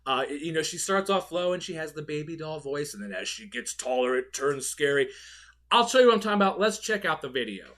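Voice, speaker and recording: A man hosting a video show, giving gushing, excitable product commentary. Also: a little high, fairly quick. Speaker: host of a Halloween animatronic video show. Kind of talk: enthusiastic product commentary with read-out descriptions.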